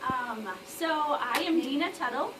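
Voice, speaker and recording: A woman from Colorado giving a personal testimonial to an audience, earnest and hesitant, with many pauses and "um"s. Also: high-pitched, animated. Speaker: speaker sharing her story on stage. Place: indoor meeting room with an audience. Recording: echoey room, distant mic, noisy.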